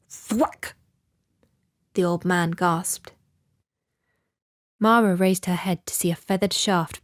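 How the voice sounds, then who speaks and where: Low-voiced woman narrating a story. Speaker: audiobook narrator. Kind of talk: scripted narration.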